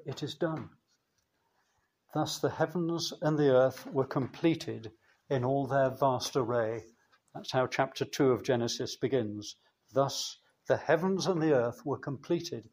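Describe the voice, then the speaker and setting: Slow, measured male preacher. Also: a little high. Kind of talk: sermon.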